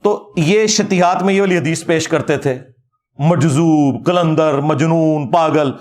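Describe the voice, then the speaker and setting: A man giving an animated, mocking religious rebuttal lecture as a preacher. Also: a little high, slow. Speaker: Islamic preacher.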